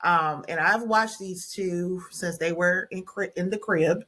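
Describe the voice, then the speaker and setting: A woman's voice: on the low side, measured pace, a bit bright. A middle-aged woman hosting a podcast, talking casually with her nieces, with many fillers and restarts. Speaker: podcast host. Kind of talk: casual family conversation.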